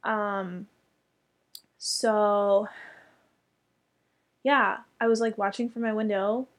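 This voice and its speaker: A woman's voice: mid-range voice, steady tone, extremely slow. A young woman telling a story in casual chat, chatty and full of fillers, with casual swearing.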